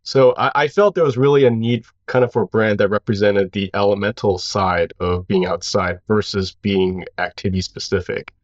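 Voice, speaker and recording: A man in his thirties with a fairly low voice tells his story as a guest. His talk is relaxed and rambling, full of fillers. The sound is dry and a bit dull, with a narrow band. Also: moderate pace, hardly any pauses, no echo. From Hawaii. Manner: relaxed and rambling, with many "you know" fillers. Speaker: founder of a clothing brand, guest. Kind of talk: casual interview storytelling.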